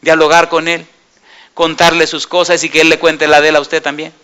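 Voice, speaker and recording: A man preaching a sermon, emphatic, putting repeated questions to his congregation and swinging from soft murmurs to raised exclamations. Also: fairly high pitch, level tone, normal speed, clean tone.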